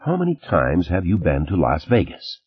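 A man's voice: low voice, wildly swooping pitch, normal speed, breathy edge, highs cut off, heavily acted. A man voicing an indignant, image-conscious ex-wife. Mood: furious. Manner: clipped, indignant, scolding.

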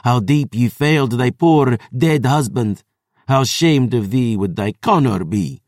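A man's voice: mid-range voice, unhurried, a little mellow, no room sound, studio quality, lightly acted. A man voicing an ancient, cruel female vampire who taunts in archaic, contemptuous speech. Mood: taunting.

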